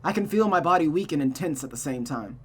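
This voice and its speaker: A fast, husky, mid-range voice belongs to a streamer reading a visual novel aloud. Dramatic narration comes with casual asides, the delivery stays expressive, and misread sentences often get restarted.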